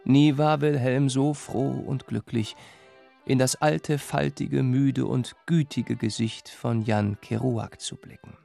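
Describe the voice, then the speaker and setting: A man narrating a fairy tale with measured, dramatic telling. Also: mid-range voice, steady tone, creaky, mellow, faint music behind. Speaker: storyteller.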